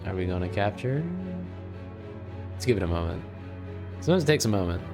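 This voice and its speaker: Over music, a man with a low, animated voice talks briskly while co-hosting a live game stream. He keeps the casual chat easygoing and dry as he sets up the game capture.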